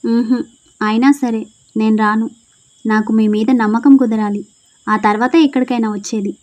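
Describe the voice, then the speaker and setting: A timid young college girl refusing in a pleading, nervous voice, as a woman storyteller puts her on. her voice is fairly high and mellow. she sounds shy but holds her ground. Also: fairly even intonation, normal speed, close to an everyday voice.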